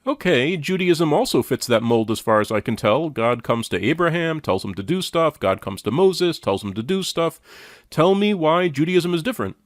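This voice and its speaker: A man with a fairly high voice and wide pitch swings delivers skeptical, sardonic commentary at a moderate pace, reviewing and rebutting a lecture in a challenging way. The sound is dry and studio-clean.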